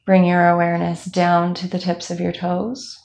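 Gravelly-voiced woman guiding a meditation. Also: lowish voice. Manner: calm, slow guiding with soft fillers. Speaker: movement instructor. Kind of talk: guided meditation.

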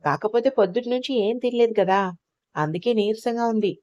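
A woman's voice: a little high, fairly quick, mellow, no echo, muffled recording, close to an everyday voice. A woman reading as Tara, a worried young woman. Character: young woman, tender, anxious, childlike.

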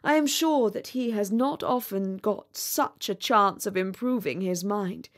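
A woman's voice: mid-range voice, unhurried, natural voice. A woman voicing a vain, haughty male firework rocket in a storybook, with a pompous, condescending manner. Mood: smug, boastful. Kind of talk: storybook character reading.

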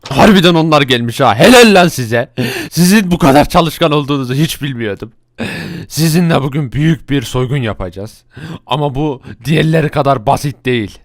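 A man's voice: a little high, expressive, no echo, studio quality. A man voicing a brash, bossy male thief gang leader in a Minecraft role-play, ordering his crew around and snapping at them. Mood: scheming. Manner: bossy, quick-tempered, yelling at his crew.

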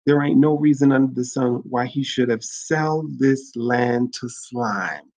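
A man's voice: medium pitch, a little slow, darkish tone, lightly acted. Man reading as a fearless, insistent village elder. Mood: serious. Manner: insistent, serious.

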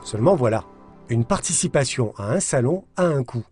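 A man giving scripted voice-over narration for a business report, with an even, lively delivery. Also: mid-range voice, a little fast, music in the background.

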